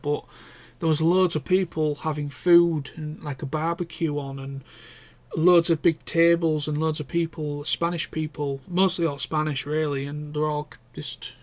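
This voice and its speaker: A man's voice: on the high side, no echo. Rambling, self-correcting male vlogger. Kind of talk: casual chat.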